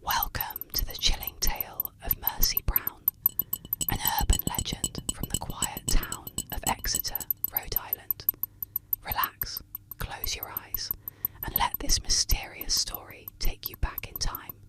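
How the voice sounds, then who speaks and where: Woman whispering close in ASMR storytelling. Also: measured pace. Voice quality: soft unvoiced whisper. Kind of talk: whispered ASMR narration of eerie legends. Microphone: close ASMR microphone.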